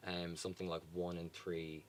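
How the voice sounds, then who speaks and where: A man's voice: low-pitched, flat delivery, moderate pace, slight background noise. A young man with a Dublin accent, a charity guest talking casually in an interview with many ums and restarts. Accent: Irish, Dublin. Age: young adult.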